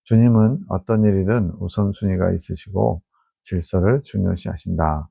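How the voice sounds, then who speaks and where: A man's voice: low-pitched, normal speed, creaky, mellow, breathy edge, no echo, studio quality. A man preaching a sermon, reading journal entries aloud and then explaining them in plain conversational asides.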